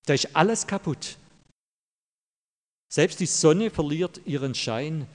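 A man's voice: fairly high pitch, lively intonation, slow pace, darkish tone. A pastor delivering a sermon in a church, emphatic and direct with the congregation, repeating his key phrases. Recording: long hall reverb.

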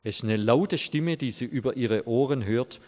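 A man's voice: medium pitch, normal speed, a little mellow. Earnest preacher man in a reverberant hall. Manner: earnest storytelling preacher, addresses listeners directly. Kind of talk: sermon.

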